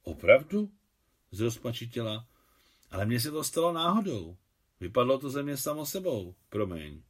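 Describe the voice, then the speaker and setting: A man's voice: mid-range voice, sing-song. Man doing middle-aged woman, hesitant, wry, slightly raised voice, storybook reading. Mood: embarrassed.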